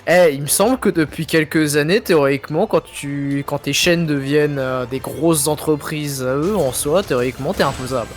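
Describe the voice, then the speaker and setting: A man's voice: on the high side, moderate pace, hardly any pauses, faint music behind. A young man streaming a video game, joking and teasing his co-player in casual chat.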